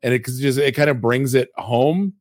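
A man's voice: medium pitch, normal speed, no echo, studio quality. A man hosting a casual chat, rambling through loose, self-deprecating anecdotes. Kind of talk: casual conversation.

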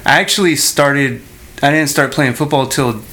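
A man chatting on a podcast in a halting way, with many fillers and pauses. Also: medium pitch, sharp tone. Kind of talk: casual chat.

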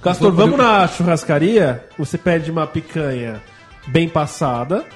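A man's voice: on the high side, unhurried, faint music behind. A Brazilian man with a Brazilian Portuguese accent telling mocking anecdotes in a casual group chat. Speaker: podcast co-host.

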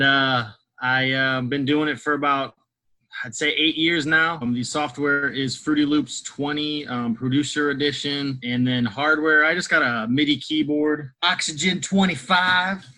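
A man's voice: fairly high pitch, fairly even intonation, unhurried, bright, forceful tone, poor audio. A man from St. Louis introducing himself as a music producer in a laid-back, reflective way. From St. Louis, Missouri. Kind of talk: recorded self-introduction.

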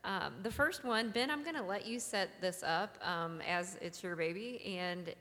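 Woman, church panel co-host. Bright, crisp voice, hesitant, heard off-mic with long reverb. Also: medium pitch, measured pace. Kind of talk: casual church discussion. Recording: distant mic in a reverberant room.

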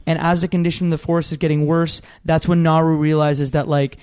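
A man's voice: fairly high pitch, flat delivery, fast talker, a little mellow, clear, resonant tone. A man hosting a casual gaming podcast, retelling a story with energy and running a quiz in a game-show host manner.

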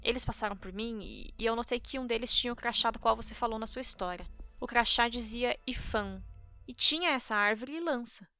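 A woman narrating a story in a calm, steady way. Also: fairly high pitch, a little fast, clear, resonant tone, faint music behind.

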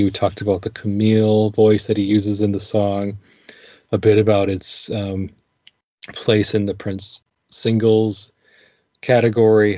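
A man's voice: on the low side, dry recording. A man co-hosting a music podcast, chatting casually and thinking aloud. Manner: relaxed, thinking aloud with fillers and laughs. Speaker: podcast co-host.

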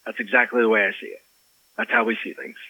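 Animated man telling a story. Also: lowish voice, quick pace, no room sound. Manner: animated storyteller, acts out quotes, many restarts. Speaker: author and life coach, interview guest. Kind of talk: casual storytelling in an interview. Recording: slightly dull lo-fi audio.

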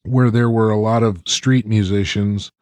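A man's voice: lowish voice, fairly even intonation, measured pace, a little mellow, dry recording. A man co-hosting a podcast and telling a story eagerly in casual chat. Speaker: podcast co-host.

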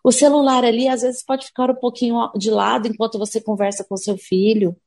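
A woman's voice: on the high side, flat delivery, brisk, a little mellow. A woman, a speech therapist answering interview questions patiently and acting out what parents and children say. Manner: explains patiently, acting out parents' and kids' words.

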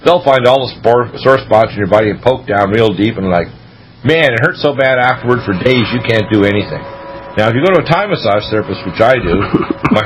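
A man's voice: on the low side, low-quality recording. Emphatic American man preaching on talk radio. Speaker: radio talk show host, doctor. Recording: radio broadcast with faint noise.

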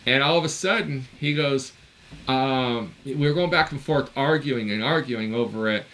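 A man in his fifties co-hosts a casual podcast. He tells his story bluntly and with open exasperation, swearing now and then. His voice is bright and forceful and sits at an average pitch for a man. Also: moderate pace. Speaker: podcast co-host.

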